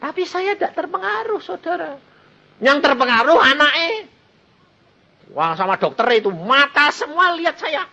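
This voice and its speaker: A man's voice: extremely high pitch, moderate pace, gravelly. A man preaching a storytelling sermon, acting out the voices of people in his story. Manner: animated, acts out dialogue in the story. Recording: muffled lo-fi sermon recording.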